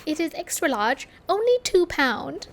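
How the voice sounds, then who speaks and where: A woman's voice: high voice, very animated, unhurried, voice pushed up, exaggerated voice. A woman putting on a poorly done British accent to voice a young, polite female shop cashier. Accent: put-on British, poorly done.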